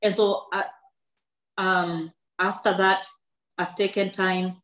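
Speaking slowly in a mid-range, slightly bright voice with little pitch movement, a woman in her thirties tells her own story at a book club talk as an author and guest. The testimony is earnest, faith-filled and reflective, with many restarted sentences. Sound reverberates in the indoor room with a backdrop.

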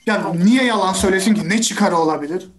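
A woman's voice: mid-range voice, fast talker, a crowd in the background, lightly acted. A woman playing a stubborn juror who insists on guilt, speaking over a video call. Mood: insistent. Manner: dismissive, insistent.

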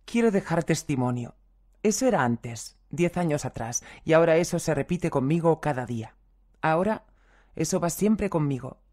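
A reader giving a calm, measured audiobook reading of first-person testimonies, reading the translator's footnotes aloud as well. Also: mid-range voice.

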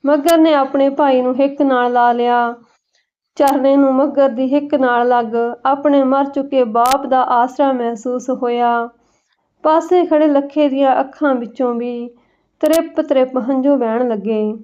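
A woman narrates a family tale from village life, reading steadily and with feeling. Her voice sits high. The recording is dull and lo-fi. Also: fairly even intonation, unhurried, a little mellow, smooth. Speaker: storyteller. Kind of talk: storybook narration.

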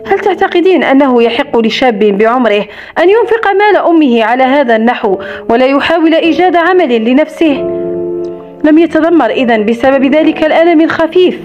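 A woman's voice: high voice, animated, fairly quick. A woman voicing a blunt, protective grown man in an audiobook romance, reading his lines expressively. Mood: scornful. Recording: slightly dull recording with soft music.

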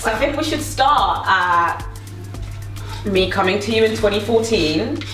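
Soft background music plays as a young woman who sings hosts a chatty cooking video at home, full of playful teasing. She has an expressive mid-range voice with a fairly bright tone and speaks a little slowly. The distant mic gives the home kitchen a roomy echo.

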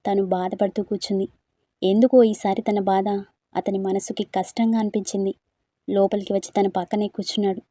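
Woman narrating a story steady, really mellow voice, dry close sound. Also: mid-range voice, brisk, no room sound.

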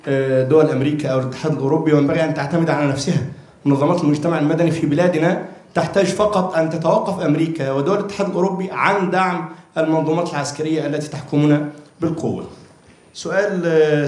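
A man's voice: on the high side, darkish tone. A man from Egypt asking a formal, pointed question from the floor of a conference hall into a handheld mic. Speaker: audience questioner. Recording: roomy hall sound.

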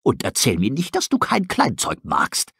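A man voicing a brisk male owl who talks in a gruff, practical way. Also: medium pitch, huge pitch swings, fairly bright tone, dry recording, clean studio sound, heavily acted. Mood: gruff, coaxing.

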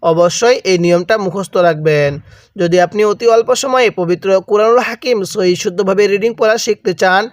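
A man's voice: high-pitched, dry recording, clean studio sound. A man teaching Quran letter pronunciation with a Bangladeshi Bengali accent, patiently drilling each sound and asking listeners to repeat after him. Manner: patient, repeats each letter slowly and asks the viewer to read along. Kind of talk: slow recitation lesson with call-and-repeat drills.

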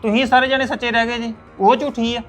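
A man speaking quickly as an exasperated son, played by a man caught between wife and mother in a family series, with faint music behind. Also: extremely high pitch, level tone, fairly bright tone. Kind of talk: web series family drama.

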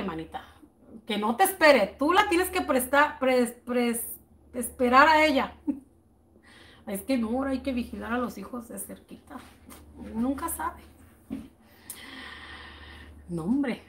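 High-voiced chatty woman. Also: bright, forceful tone. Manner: chatty, greets viewers by name with slow drawn-out words; thinks aloud while working out prices. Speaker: baking channel host. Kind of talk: casual live-stream chat with viewers.

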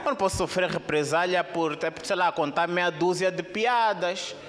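A young man with an Angolan Portuguese accent performing a stand-up comedy set on a theater stage, speaking into a handheld microphone. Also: normal speed. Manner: animated, jumps into high squeaky put-on voices. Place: theater stage with live audience.

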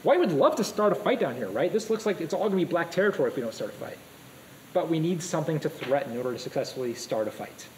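A man's voice: a little high, fast talker, slight background noise, poor audio. Upbeat man teaching a class. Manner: energetic, asks the class questions. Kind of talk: live classroom lecture. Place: classroom with students.

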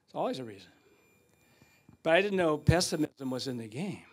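An older man preaching a sermon in a church, telling stories and swinging from loud outbursts to hushed asides. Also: on the high side, sing-song, a little fast, breathy edge. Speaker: guest preacher. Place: church sanctuary.

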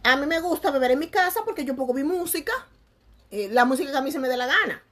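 Young woman, casual vlog chat, fairly high pitch, animated, laughs often, crude slang. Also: quick pace. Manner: lively, laughing, swings loud and soft, crude slang. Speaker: vlogger.

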